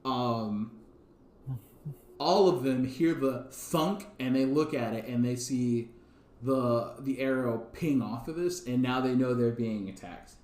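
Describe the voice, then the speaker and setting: A man running a tabletop game as dungeon master, narrating in a relaxed, halting way with many fillers. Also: mid-range voice, roomy sound.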